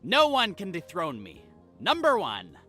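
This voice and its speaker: Brief: a video game handyman, brash and boastful, a bright, lively voice, faint game music behind. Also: sits high, a little slow, full character voice. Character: cocky, hostile man, arcade-loving handyman.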